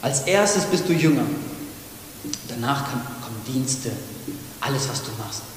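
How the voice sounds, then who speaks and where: A pastor with a northern German accent preaching a sermon in a church hall, urging loudly at times and dropping to a hush at others. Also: male voice, medium pitch, expressive, unhurried. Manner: impassioned preaching that swings between loud urging and hushed, soft passages. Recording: echoey reverberant church hall with faint noise.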